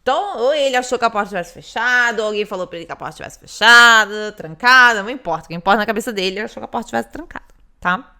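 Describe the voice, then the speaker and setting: A woman with a Brazilian Portuguese accent teaches English test strategy. Her voice sits a bit high, with a crisp, smooth clarity. She explains step by step and keeps checking in with the listener. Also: expressive, very fast, bright, forceful tone. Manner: explanatory, repeats points, many "né" and "tá". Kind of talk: recorded lesson explanation.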